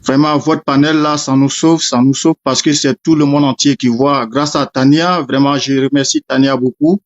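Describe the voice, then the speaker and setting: A man's voice: mid-range voice, fairly even intonation, normal speed. Man, earnest, lo-fi stream. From Côte d'Ivoire. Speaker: panel guest. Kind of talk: casual live-stream testimony. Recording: dull lo-fi stream audio.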